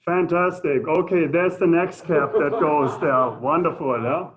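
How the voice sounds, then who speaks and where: German guy giving a talk, bit high voice, lots of hesitating, muffled phone-line sound. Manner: halting, hesitant delivery. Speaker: presenter. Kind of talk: informal conference presentation with audience questions.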